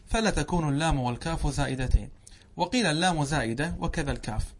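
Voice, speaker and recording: A sheikh giving a classroom lecture, often asking the class a question and answering it himself, drawing out words slowly. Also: male voice, on the high side, breathy edge. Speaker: sheikh teaching a classical text.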